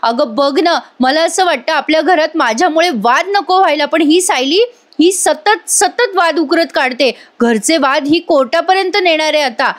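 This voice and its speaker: A woman voicing a scheming young woman in a retold TV drama, loud, whiny and theatrical. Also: sits high, normal speed, voice pushed up, lightly acted. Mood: whining.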